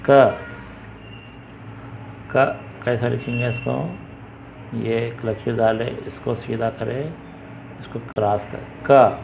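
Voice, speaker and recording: Man, gravelly voice, slow patient alphabet teacher, dull lo-fi sound. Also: mid-range voice, completely flat delivery. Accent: Indian Urdu. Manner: patient, repeats each sound loudly and slowly. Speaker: Urdu teacher. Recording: dull lo-fi recording with faint background hiss.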